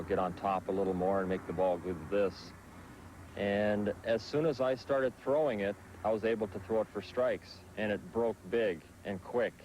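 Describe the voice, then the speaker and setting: A man in his thirties, a professional baseball pitcher from the Netherlands who was raised in Southern California, answering interview questions in a relaxed way with frequent fillers. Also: a little hiss or hum, poor audio.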